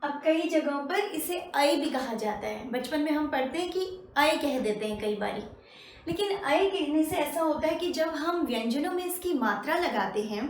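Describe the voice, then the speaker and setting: A woman teaching a language lesson, carefully modelling each sound and repeating it in slow drills. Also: sits high, animated. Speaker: Hindi teacher. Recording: roomy echo.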